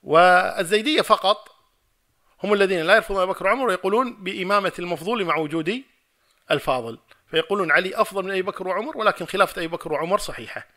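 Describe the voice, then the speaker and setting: Fast, high-voiced, emphatic male lecturer. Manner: emphatic, retells a debate in dialogue and builds to forceful repeated points. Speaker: Islamic scholar giving a lecture. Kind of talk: religious lecture with questions and answers.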